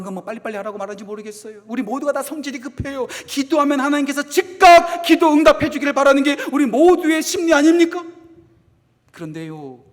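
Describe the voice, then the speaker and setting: A middle-aged male pastor with a very high voice preaches quickly in a large church sanctuary, with long reverb trailing each phrase. He hammers points home by repeating them and drops to near-whispers for asides before building back up. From South Korea. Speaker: associate pastor. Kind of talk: sermon.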